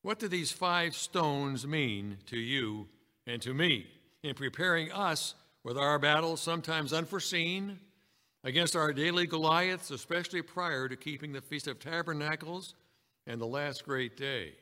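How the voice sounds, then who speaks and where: Preacher with a bright voice in a reverberant hall. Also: male voice, fairly high pitch, unhurried. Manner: reads scripture aloud, addresses congregation as brethren. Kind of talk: sermon.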